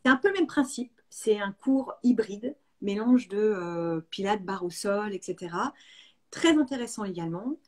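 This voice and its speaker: Husky-voiced woman, lively and frank. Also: mid-range voice, normal speed. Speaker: fitness coach guest. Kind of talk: casual webinar chat. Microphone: video call.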